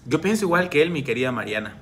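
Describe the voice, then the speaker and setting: A man's voice: a little high, sing-song, quick pace, slight background noise. A man in his forties coaching viewers on relationships during a live stream, reading comments and answering them by name in a frank, direct way. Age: 40s. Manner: warm direct advice, addresses viewers by name. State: coughing from reflux.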